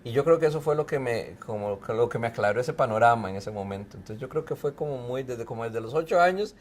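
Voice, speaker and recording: A middle-aged professor and researcher, born in Mexico and raised in Costa Rica, answers interview questions in a relaxed, explanatory manner, using many fillers. His mid-range voice moves quickly. Faint music plays behind him, with a little hiss or hum.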